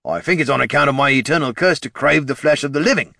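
A man's voice: medium pitch, fast talker, gravelly, bright, forceful tone, dry recording, clean studio sound, pitched above the performer's own voice. A man voicing a timid, hungry male ghoul who speaks hesitantly.

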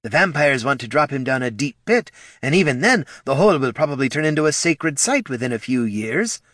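A man's voice: medium pitch, big pitch swings, fairly quick, a bit bright, dry recording, clean studio sound, pitched above the performer's own voice. A man voicing a nervous, fumbling spectral woman who apologizes and hedges as she delivers bad news. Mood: flustered.

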